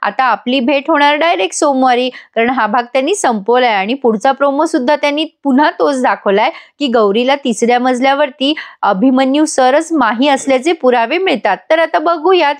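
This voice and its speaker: A woman's voice: sits high, a little fast, hardly any pauses. A woman giving a voice-over recap of a TV serial episode. She retells each scene, quotes the characters' lines and speaks straight to her viewers. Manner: addresses viewers directly. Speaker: TV episode reviewer.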